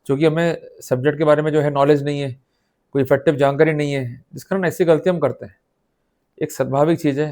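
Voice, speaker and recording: A law lecturer with an Indian accent and a slightly high yet darkish voice explains material step by step in an instructive, emphatic manner. He often throws short questions at his students and mixes in English phrases.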